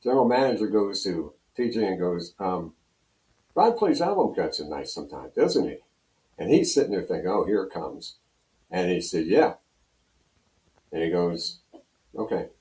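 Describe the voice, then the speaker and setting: An older American radio guest from Pennsylvania speaks low and darkish at a moderate pace, with lively intonation and long pauses. He rambles through casual anecdotes, dramatizing bits of dialogue, in an echoey room.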